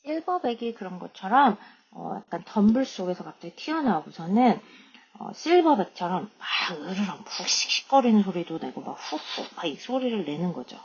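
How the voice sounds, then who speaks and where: A woman reading a children's chapter book aloud and explaining it, slow and careful on the reading, chatty in her asides. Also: mid-range voice, very animated, slightly rough, highs cut off.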